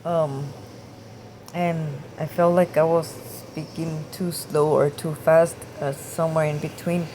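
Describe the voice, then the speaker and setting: A woman with a low voice talks slowly to her viewers. She hesitates often and restarts her sentences. A steady hum of air conditioning sits clearly behind her. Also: poor audio. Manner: hesitant, halting, many fillers and restarts. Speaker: gaming vlogger. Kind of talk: casual talk to camera.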